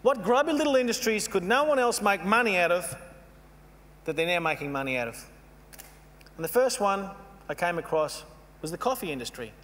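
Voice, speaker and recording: A man giving a storytelling keynote speech, animated and mocking as he acts out scenes. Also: high voice, brisk, pauses often. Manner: animated, mocking, playfully acts out quoted voices. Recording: long hall reverb with faint hum.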